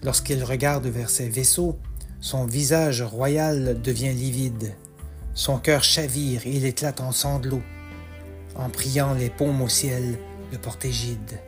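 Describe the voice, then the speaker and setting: A man narrating a rhymed epic tale in a slow, measured, rhythmic way. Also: mid-range voice, fairly even intonation. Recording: soft music underneath.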